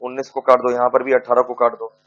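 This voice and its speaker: A man teaching a law class, joking with and scolding his students and slowly dictating points to write down. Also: mid-range voice, monotone, fairly bright tone, highs cut off. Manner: scolding, teasing lecturer mixing Hindi and English, dictating slowly. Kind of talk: classroom lecture.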